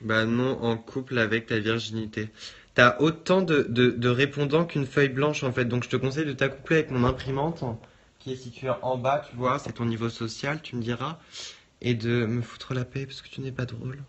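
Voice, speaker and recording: A man's voice: mid-range voice, steady tone, normal speed, fairly bright tone, dull audio. A man vlogging in a sassy, camp way, swearing freely and mocking people. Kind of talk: casual vlog chat.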